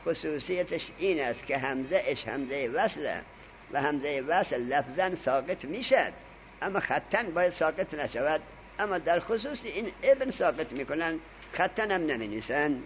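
A man lecturing a grammar class in a lively, swooping voice that sits a bit high for a man. He stresses points hard and stops to dictate notes to his students. Faint noise hangs under the recording. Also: low-quality recording. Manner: animated, emphatic teaching with dictation to students. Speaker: Arabic grammar teacher.

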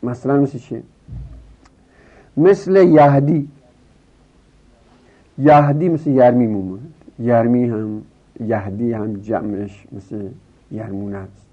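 A male teacher works through a grammar lesson patiently, step by step. His fairly low voice lifts into a chant each time he recites a row of verb forms. The recording is thin and phone-like. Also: steady tone, mellow, slightly rough. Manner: recites verb forms in a rising sing-song, explaining step by step. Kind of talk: Arabic grammar lesson in Persian.

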